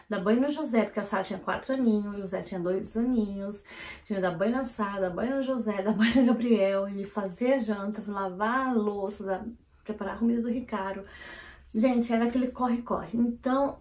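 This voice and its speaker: A woman from Brazil, vlogging at home and telling a family story in a hurried, animated way, full of "então, assim" fillers. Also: medium pitch. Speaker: vlogger and mother. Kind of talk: casual storytelling to camera. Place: at home, indoors. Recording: roomy echo of a home room.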